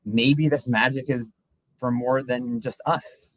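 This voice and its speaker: A man co-hosting a live podcast, talking in a relaxed, teasing way and often adding "you know". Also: mid-range voice, slow pace, no echo, rough recording. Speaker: podcast co-host. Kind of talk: live-stream podcast chat.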